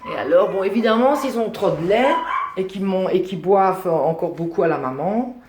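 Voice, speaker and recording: A woman who breeds dogs narrates a casual phone video of her puppies indoors by a radiator, pointing out each one and cooing affectionately. She speaks at a normal pace in a mid-range voice, and the background is noisy.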